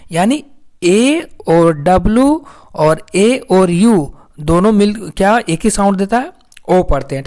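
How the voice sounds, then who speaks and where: A woman's voice: medium pitch, dark tone. A woman with a mid-range voice teaches a phonics lesson. She keeps posing questions to her viewers and then answering them herself. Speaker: English teacher.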